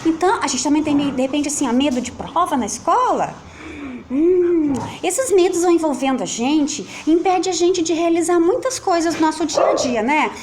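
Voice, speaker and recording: A woman's voice: sits high, expressive, normal speed, noisy background. A woman with a Brazilian Portuguese accent, a teacher reading a children's story aloud in a playful sing-song way. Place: at home with children and a pet nearby.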